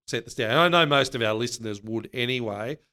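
A man's voice: medium pitch, quick pace, pushed and bright, clean tone. A man co-hosting a business podcast, giving earnest advice in casual chat.

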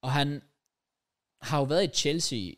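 A man's voice: on the high side, a bit bright. Young man in casual football banter. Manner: slangy, sweary, mixes in English words. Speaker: football podcast co-host.

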